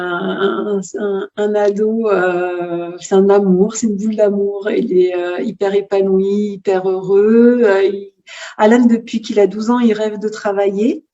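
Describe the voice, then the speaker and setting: A woman in her forties, an author, recounting a family story in an interview with lively, animated delivery, acting out the dialogue. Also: medium pitch, slow pace. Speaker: author guest. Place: bookshop. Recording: lo-fi livestream audio.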